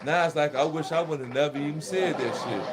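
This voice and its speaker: A man's voice: a little high, a little fast. A man talking straight to his viewers in a casual, profane, rambling monologue, laughing as he goes. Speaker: vlogger. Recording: noisy recording with crowd chatter behind.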